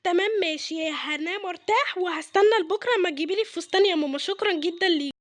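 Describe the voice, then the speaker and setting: A woman voicing an excited young daughter about to be engaged, with an Egyptian accent and a gushing, repetitive way of talking, in a game role-play. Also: very high-pitched, very fast, dry recording. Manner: gushing, eager, repeats herself.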